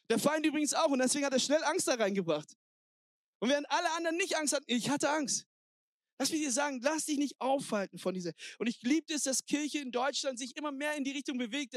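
A married man preaching a sermon, energetic and exhorting, sprinkling in English words. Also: very high voice, dry recording, clean studio sound. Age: adult, married. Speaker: pastor.

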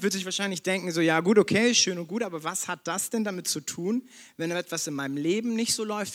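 High-voiced man preaching a sermon. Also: a bit bright. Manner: direct, conversational preaching to the listener.

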